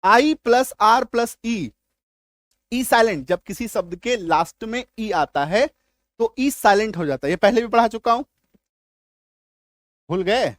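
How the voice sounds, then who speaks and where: A man's voice: high voice, lively intonation, no room sound. Man teaching, constantly checking understanding. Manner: keeps checking understanding with questions; repeats words slowly to drill pronunciation. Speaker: English teacher. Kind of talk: classroom-style video lesson.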